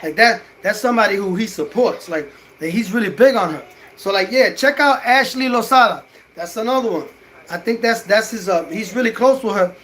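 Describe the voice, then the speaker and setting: High-voiced man hyping his boxing channel. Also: expressive, fairly quick, a bit bright, low-quality recording. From Puerto Rican heritage. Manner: emphatic, repetitive self-promotion. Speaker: boxing content creator. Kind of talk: casual livestream commentary, greeting viewers in chat.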